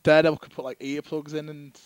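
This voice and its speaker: A man's voice: fairly high pitch, flat delivery, fast talker, clear, resonant tone, no room sound, low-quality recording. A man co-hosting a casual podcast chat, rambling and swearing casually. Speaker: podcast co-host.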